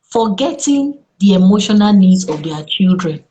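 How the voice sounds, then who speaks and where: A Nigerian woman speaking as a therapist in an interview, earnest and lively, with exclamations in her stories. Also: medium pitch, moderate pace, slight background noise. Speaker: therapist guest. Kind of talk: interview conversation.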